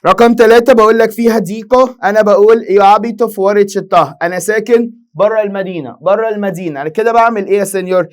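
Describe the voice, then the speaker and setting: A man's voice: high voice, rapid-fire, hardly any pauses. A young Egyptian man with an Egyptian Arabic accent teaching an exam-prep lesson, firing rhetorical questions at students and answering them himself. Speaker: Italian language teacher.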